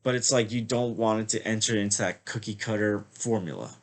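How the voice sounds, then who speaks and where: A man with a low-leaning voice and a steady tone speaks fairly quickly as he rambles through a casual spoken movie review. A slight cold has him sniffling a little, and fillers such as "like" and "I feel like" come up constantly.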